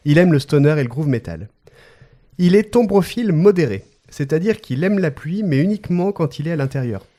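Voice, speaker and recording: With a dark tone and medium pitch, a man introduces his podcast guest by reading aloud, peppering it with playful, joking asides. Laughter breaks through often.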